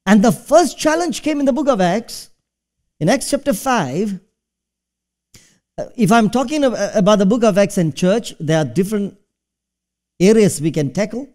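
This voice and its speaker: He's a middle-aged man from Singapore, a pastor delivering a sermon and quizzing the congregation in a conversational way. His voice is high and darkish, with lively intonation, normal speed and frequent pauses.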